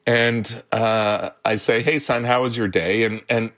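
A man's voice: mid-range voice, fairly even intonation, a little slow, a bit bright. A man, a therapist guest on a radio show, telling anecdotes with frequent chuckles. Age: 70s. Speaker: therapist and social worker guest. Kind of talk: radio interview, storytelling.

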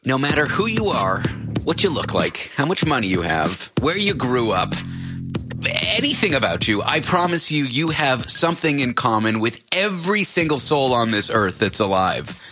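A man's voice: medium pitch, big pitch swings, moderate pace, music in the background. A man, hosting a radio talk show with playful, self-mocking banter. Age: 30s.

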